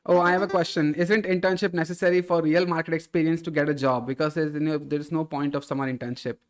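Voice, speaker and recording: A male streamer talks casually into a desk microphone while playing, reading viewers' messages out loud and answering them. His voice sits a bit higher than most men's. He stays easygoing and keeps calling people "bro". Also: fast talker. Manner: relaxed, reads viewer chat aloud and answers, says "bro" often. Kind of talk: casual livestream chat.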